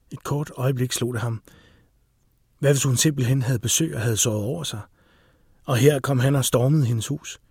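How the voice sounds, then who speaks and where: A man reading a thriller audiobook as narrator, in steady, tense scripted narration. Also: medium pitch, breathy edge, no echo, studio quality.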